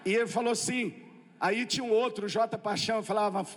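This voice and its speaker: Brazilian male preacher, high voice, comic storyteller, echoing church hall. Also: a little fast. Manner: lively storytelling with comic asides. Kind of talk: humorous testimony sermon.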